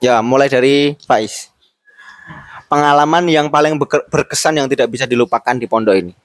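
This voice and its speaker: Interviewing classmates in a casual school chat, this young host from Boyolali, Central Java, jokes around playfully and drops in Javanese words. His medium-pitched voice moves fairly quickly, recorded at studio quality with no room sound.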